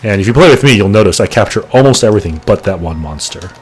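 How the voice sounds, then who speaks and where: A man's voice: fairly low pitch, animated, fast, a little hiss or hum. A man in his late thirties chatting casually as he plays, rambling and correcting himself as he goes. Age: late 30s. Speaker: gaming channel host. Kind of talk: casual gameplay commentary.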